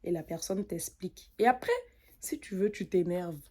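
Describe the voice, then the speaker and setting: A young woman from French Guiana telling an animated, indignant story in a casual rant. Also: on the low side, moderate pace, slightly rough. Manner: animated, indignant, mimics others' voices. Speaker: content creator.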